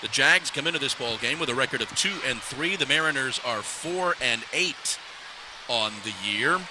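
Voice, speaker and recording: A man's voice: mid-range voice, animated, moderate pace. A man opening a college basketball broadcast as play-by-play announcer, in an easygoing, chatty manner. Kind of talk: sports broadcast intro. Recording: noisy arena ambience.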